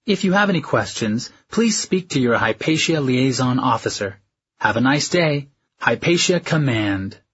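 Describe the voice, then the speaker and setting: An actor voicing an impersonal spaceship message system, reading official notices in a formal, clipped, detached way for an audio drama. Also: male voice, medium pitch, lively intonation, moderate pace, fairly bright tone, husky, highs cut off. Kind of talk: scripted announcement in a dramatized audiobook.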